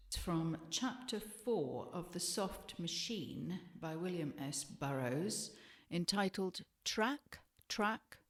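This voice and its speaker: A woman giving an experimental literary reading, slow and deliberate with hypnotic repetitions. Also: lowish voice. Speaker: reader. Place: indoors in Tangier.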